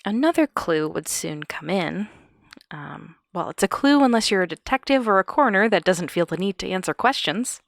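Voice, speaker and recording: A woman's voice: mid-range voice, lively intonation, moderate pace, vocal fry, no echo, studio quality. A woman hosting a podcast, recounting a true-crime case with wry, chuckling asides. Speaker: podcast host.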